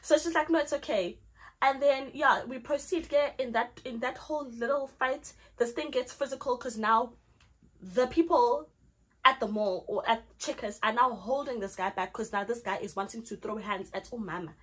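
This is a young Zulu-speaking woman from South Africa, vlogging a storytime tale and animatedly acting out what she said. Her slightly rough, higher-pitched voice keeps a moderate pace, and the recording itself is rough.

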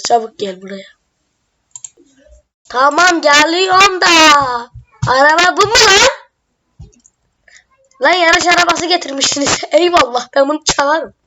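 A woman's voice: high voice, animated, a little slow, long pauses, background noise. A woman giving casual game commentary, playful and swearing jokingly. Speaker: gamer.

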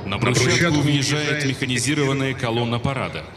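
Male announcer for a military ceremony, mid-pitched and stately, scripted delivery over prominent music. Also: brisk. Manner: stately, declamatory. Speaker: parade announcer. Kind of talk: solemn scripted ceremonial commentary. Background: loud music.

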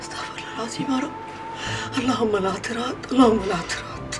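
A woman's voice: mid-range voice, animated, quick pace, lightly acted. An actress playing a pious mother consoling her son, speaking with an Egyptian Arabic accent in a soothing, pleading manner. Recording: TV drama audio with music score.

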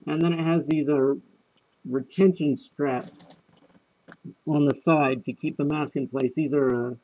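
A man's voice: fairly high pitch, steady tone, unhurried, mellow. A man talking from inside a gas mask that muffles his voice, giving a casual, matter-of-fact review of the mask. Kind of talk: casual product review video. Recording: dull, muffled sound through a mask.

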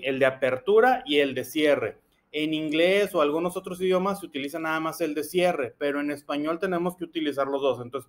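A man's fairly high voice, teaching young pupils in a patient classroom manner. He goes over each point slowly and again, checking often that they follow. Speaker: primary school teacher. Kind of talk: explanatory classroom lesson.

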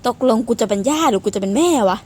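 A woman giving casual gameplay commentary, excitable and playfully swearing, squealing at her game. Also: mid-range voice, racing. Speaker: game streamer.

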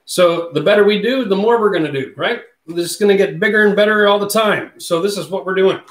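This channel host, a man in his forties, reads viewer comments aloud and chats casually on his livestream, using a studio mic on a boom arm in his home studio room. His voice sits high and moves a little fast, and the audio is reverberant and poor in quality.

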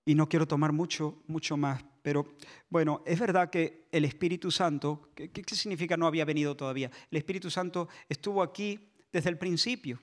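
A man from Spain, preaching a sermon in a church, impassioned, shifting between shouts and soft asides. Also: a little high, fairly even intonation, brisk. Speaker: pastor.

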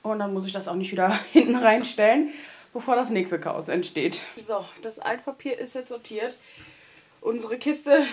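A young woman with a slightly high, mellow voice vlogs while tidying a small storage room at home. She chats through each step and laughs often in a casual clean-with-me narration, filmed by a wide-angle camera on a stand.

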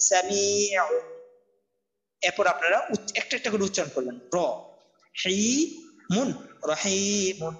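High-voiced man drilling letter spelling. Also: gravelly, fairly bright tone, poor audio. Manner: spells letters and vowels slowly in a drilled, repetitive chant. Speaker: Quran recitation teacher. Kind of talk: online tajweed lesson.

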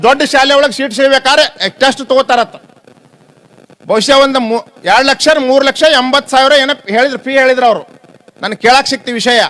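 A man with a North Karnataka Kannada accent delivers a sermon, telling stories and putting questions to his listeners. His voice sits very high and sounds bright and forceful. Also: rough recording. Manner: rhetorical questions to the audience, storytelling. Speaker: swamiji giving a public talk.

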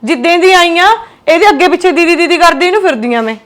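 A woman's voice: very high voice, expressive, fast, a bit bright. A woman playing a defensive younger daughter-in-law who pleads her case to her father-in-law and snaps back at her sister-in-law.

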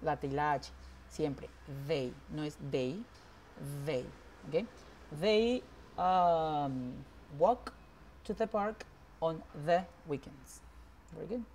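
Woman english teacher, low gravelly voice, drags out words to show how they sound, bit of background hiss. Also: a little mellow. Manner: repeats words slowly to model pronunciation; switches between English and Spanish. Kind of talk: online English class.

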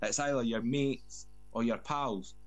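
A man's voice: mid-range voice, a little slow. Man with a broad Scottish accent. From Scotland. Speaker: guest, former soldier. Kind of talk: casual anecdote telling.

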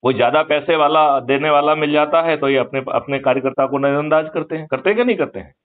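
An activist and former police officer, this older man talks fast in a higher voice on a muffled, narrow-band phone call. He argues politics persuasively and emphatically, lecturing and repeatedly seeking agreement through rhetorical questions.

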